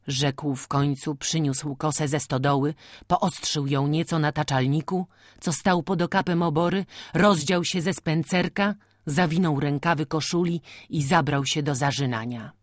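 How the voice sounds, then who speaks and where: A woman narrating a novel as an audiobook in a measured, even storytelling manner. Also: deep voice, no echo, clean studio sound.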